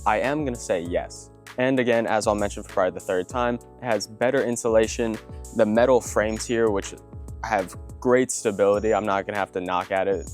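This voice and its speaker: A man presenting a video product review in an explanatory, informal way, part scripted and part casual. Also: lowish voice. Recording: background music under the voice. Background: music.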